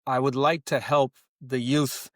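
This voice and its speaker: A man's voice: medium pitch, little pitch movement, a little slow, fairly bright tone, dry recording. A man who is a guest on a podcast, chatting casually with wry, self-deprecating humor. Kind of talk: casual interview chat.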